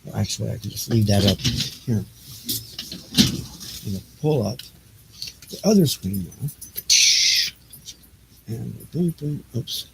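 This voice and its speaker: Over loud noise, a man mutters distractedly to himself in a fairly low, expressive voice with vocal fry, his speech halting. He's an audiobook reader and live streamer rambling casually about tech while setting up a stream, captured in a noisy live home-studio recording with clicks.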